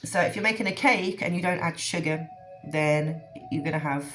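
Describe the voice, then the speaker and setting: Low-voiced woman giving a tarot reading. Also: normal speed, fairly bright tone, faint music behind. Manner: loose and rambling, many fillers and restarts. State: frog in her throat. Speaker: tarot reader.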